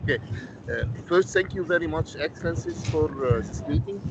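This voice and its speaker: A man's voice: on the high side, animated, brisk. A man joining a meeting remotely over the phone, giving formal remarks hesitantly, with many fillers and restarts. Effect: speaking over the phone. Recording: muffled lo-fi phone audio with loud background noise.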